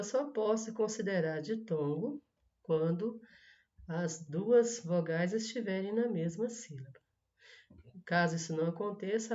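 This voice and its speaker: Woman, teacher voice, drawn-out word stressing, mid pitch, slightly dull lo-fi sound. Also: dark tone. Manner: slow, syllable-by-syllable word stressing, frequent "né?". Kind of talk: correcting schoolwork in a recorded lesson.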